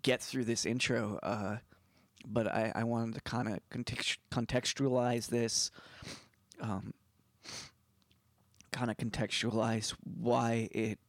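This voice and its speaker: A man hosting a podcast in casual, unscripted talk, haltingly and often repeating words as he goes. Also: medium pitch, flat delivery, no room sound, clean studio sound. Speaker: podcast host.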